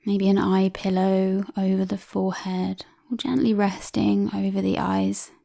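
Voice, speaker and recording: A woman with a gravelly, medium-pitched voice leads a relaxation exercise. Her speech is soft and breathy, often approaching a whisper, and she paces it calmly and soothingly with long pauses.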